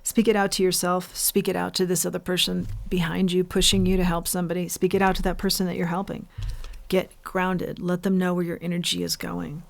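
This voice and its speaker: A woman giving an intuitive tarot reading as host, saying the card names slowly and repeating her advice earnestly. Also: on the low side, level tone, creaky. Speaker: tarot reader.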